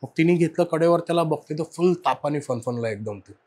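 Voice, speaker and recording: A man telling a personal ghost story as a podcast guest, animated in a casual chat, his voice rising and falling as he goes. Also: fairly high pitch, fairly quick. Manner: animated, swings loud and soft while telling the story.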